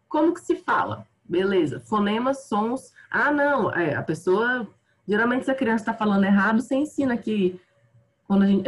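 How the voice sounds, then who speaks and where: A Brazilian woman teaching an online grammar class, chatty and self-deprecating, tired, her voice often trailing off quietly. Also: a little high.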